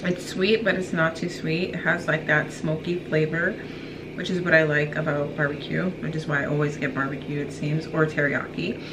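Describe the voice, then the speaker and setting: Low-pitched woman chatting over kitchen noise. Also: flat delivery, moderate pace. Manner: chatty, self-deprecating, flustered. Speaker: guest reviewer, host's wife. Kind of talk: casual food review. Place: home kitchen, indoors. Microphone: camera mic, medium shot.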